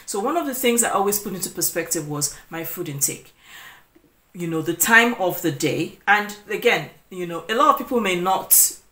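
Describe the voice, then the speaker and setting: A woman's voice: fairly low pitch, animated, normal speed, bright, forceful tone. Rambling woman vlogger in her forties. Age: 40s. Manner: rambling, many restarts and "you know" fillers. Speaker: lifestyle vlogger. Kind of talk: casual talk to camera. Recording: echoey room.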